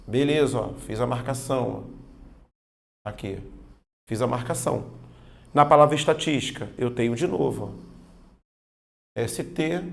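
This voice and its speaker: A man's voice: fairly high pitch, vocal fry. A man teaching an exam-prep grammar lesson in a casual way, often checking in with his students. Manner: casual, addresses students as "galera", frequent "ó" and "tá vendo?".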